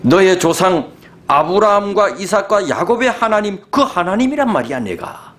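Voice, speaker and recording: A man voicing God in a sermon retelling, speaking boldly and emphatically to a discouraged prophet, with a lively, rising voice. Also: high voice, moderate pace, pitched above the performer's own voice. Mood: stern. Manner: bold, emphatic, reassuring.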